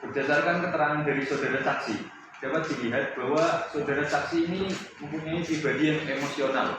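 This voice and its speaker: A man's voice: on the high side, fairly even intonation, a little fast, close to an everyday voice. A man playing a defense lawyer in a mock trial, asking formal, polite questions. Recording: echoey room, distant mic, noisy.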